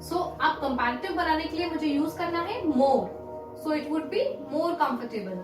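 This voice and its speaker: A woman teaching English grammar, her voice high and her delivery slow. She dictates word forms one at a time, in a measured way. The room around her rings with echo. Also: lively intonation, music in the background. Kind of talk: Hindi-English grammar lesson.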